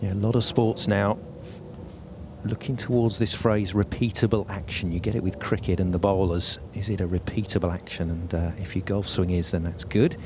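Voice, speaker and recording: A man's voice: low voice, steady tone, normal speed, background noise. A man working as a golf commentator, describing tournament play as it happens.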